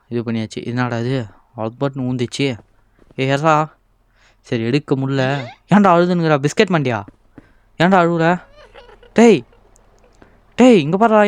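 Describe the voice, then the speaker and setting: A young man comments on a horror game with playful exasperation, voicing its characters and breaking into shrill panic when something scares him. His tone is clean and the recording dry.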